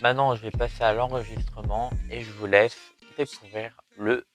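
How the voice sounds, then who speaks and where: A man's voice: fairly low pitch, flat delivery, normal speed, soft background music. A young man with a lisp that slurs his s sounds, chatting casually and playfully as he thinks aloud about songwriting. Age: young adult. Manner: informal, playful, self-mocking, breaks into sung or rapped lines. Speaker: amateur songwriter and video creator. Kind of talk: casual vlog, thinking aloud while writing a song.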